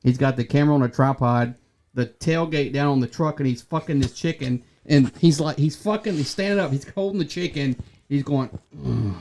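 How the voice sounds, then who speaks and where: A man's voice: on the high side, brisk, a little mellow, a little hiss or hum. A man, co-hosting a podcast and rambling through crude stories in casual group chat. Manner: rambling storyteller, laughs through his own tales. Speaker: podcast co-host. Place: small podcast studio with several people.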